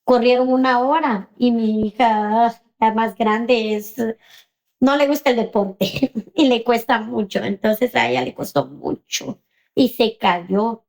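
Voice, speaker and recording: A woman, telling her own story in an interview with hesitant pauses and many fillers. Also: a little high, gravelly, darkish tone. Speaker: interview guest.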